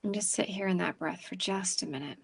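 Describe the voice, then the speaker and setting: Gravelly-voiced woman guiding a meditation. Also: lowish voice. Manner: slow, calm and soothing, with pauses between phrases. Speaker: meditation guide. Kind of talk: guided meditation.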